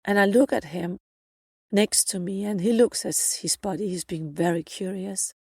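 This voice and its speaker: A woman's voice: mid-range voice, normal speed, gravelly, warm tone, breathy edge, no echo, studio quality. A woman podcast host earnestly retelling a personal spiritual experience in the present tense, often repeating her phrases.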